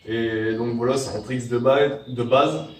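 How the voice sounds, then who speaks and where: Speaking a little slowly in a steady, mid-range voice with slight hiss or hum, a young man with a cold hosts a vape tricks tutorial. The casual how-to meanders with many fillers and restarts, and the distant mic captures an echoey room.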